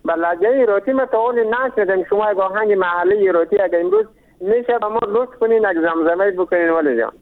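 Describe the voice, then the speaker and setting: A man calling in to a radio show, greeting everyone politely and formally before asking his question. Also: high voice. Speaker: caller. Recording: tinny phone line.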